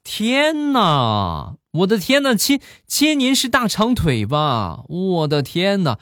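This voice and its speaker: A man voicing a gushing online shop seller who showers the buyer with exaggerated, sugary flattery. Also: on the low side, slow, dry recording, studio quality, voice pushed up, exaggerated voice.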